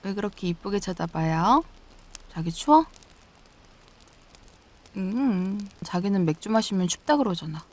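A woman in a whispered role-play as an affectionate girlfriend, teasing and giggling softly. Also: medium pitch, animated, a little slow, pauses often. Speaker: ASMR role-play performer.

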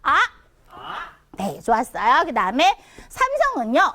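A woman's voice: high voice, sing-song, a little fast. A woman teaching a Chinese conversation class online for seniors. She asks questions and answers them herself, and she swings her voice up and down to show the sounds.

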